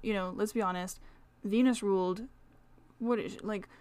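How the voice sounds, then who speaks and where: A woman's voice: medium pitch, steady tone, normal speed, a little mellow, smooth, no echo. A woman with a French accent hosting a casual solo podcast, talking in a rambling, chatty way full of fillers. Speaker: astrology podcast host.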